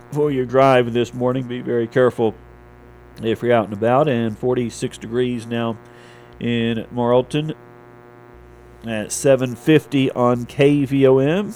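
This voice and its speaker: A man's voice: mid-range voice, darkish tone, low-quality recording. A man anchoring a local radio newscast, reading sports scores and weather from a script in a studio.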